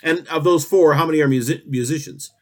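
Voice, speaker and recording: A man hosting a comic talk show, rambling through absurd questions and deadpan jokes. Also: on the high side, a little fast.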